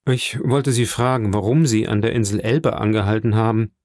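A man reading the part of a hearty middle-aged shipowner in an audiobook, lively and confiding. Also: on the low side, a little fast, no echo, clean studio sound, natural voice.

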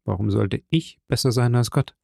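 A man reading an audiobook, voicing a brooding, vengeful count who speaks solemnly and gravely. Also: mid-range voice, moderate pace, dark tone, no room sound, studio quality.

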